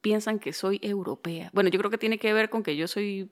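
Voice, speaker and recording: A woman's voice: medium pitch, steady tone, normal speed. A woman from Venezuela with an Andean gocho accent, hosting a casual conversation in a friendly way.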